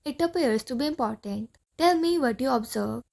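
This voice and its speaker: A woman's voice: high-pitched, expressive, moderate pace, gravelly, darkish tone, full character voice. A woman reading the part of a pompous, bossy male Martian leader in an audiobook play, with a commanding, easily alarmed manner.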